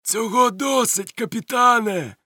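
A man voicing a cunning, jovial older male pirate chief who talks in a smooth, mock-polite way, read as an audiobook. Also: a little high, a little slow, dry recording, studio quality, pitched above the performer's own voice. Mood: cheerful.

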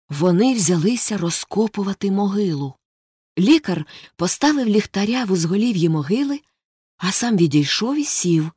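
Female audiobook narrator, steady and suspenseful, dry close sound. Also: on the low side, breathy edge, no room sound. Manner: measured, suspenseful reading. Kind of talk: scripted story narration.

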